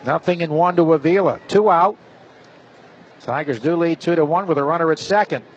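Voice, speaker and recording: A brisk man with a voice on the high side works as a play-by-play announcer, calling live baseball in radio-broadcast style. The broadcast sounds slightly dull, with faint stadium noise.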